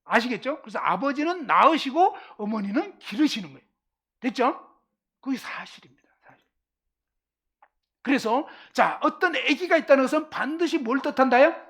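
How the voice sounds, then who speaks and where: A woman's voice: sits high, big pitch swings, moderate pace, fairly bright tone, slightly rough. Korean woman teaching, questioning her class. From Korean countryside. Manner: keeps asking the class questions and checking understanding. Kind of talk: lively lecture to a live class.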